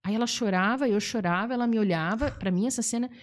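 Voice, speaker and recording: A woman's voice: fairly high pitch, quick pace. A middle-aged woman, a psychologist and teacher, telling stories animatedly in an interview. She leans on fillers and acts out quoted voices. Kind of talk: conversational interview storytelling.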